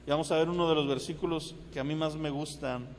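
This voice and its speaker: A man's voice: a little high, steady tone, quick pace, slight background noise. A man preaching a sermon, telling the story conversationally and checking in with his listeners. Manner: storytelling, conversational, asks "¿verdad?" often. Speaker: pastor. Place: church hall. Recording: long reverberant hall.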